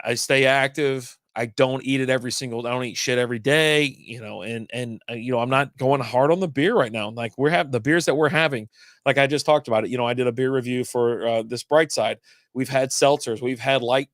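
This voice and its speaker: A man's voice: mid-range voice, no room sound, clean studio sound. A middle-aged man hosting a casual livestream chat, rambling along with slang and easy swearing. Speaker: livestream host.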